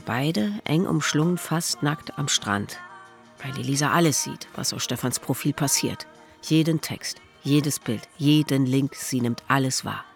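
Drama narrator, measured and matter-of-fact, mid-range voice, faint music underneath. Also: medium pitch. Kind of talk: scripted narration.

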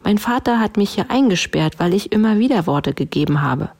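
A woman's voice: medium pitch, lively intonation, a little fast, darkish tone, voice pushed up. A woman voicing a stubborn, indignant princess locked in a tower, in a children's story read aloud. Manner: insistent, indignant.

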